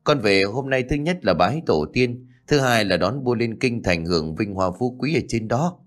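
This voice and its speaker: A man's voice: medium pitch, expressive, moderate pace, lightly acted. A man voicing an ambitious young official who coaxes and insists. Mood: pleading.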